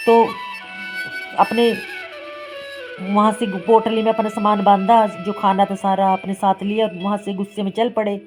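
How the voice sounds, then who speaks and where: A woman's voice: medium pitch, little pitch movement, a little slow. Lady telling a devotional tale, plain repetitive storytelling, music playing under. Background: instrumental music.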